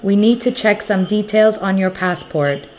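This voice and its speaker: A woman reading scripted airport announcements in a formal, measured manner, repeating key details. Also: mid-range voice, darkish tone.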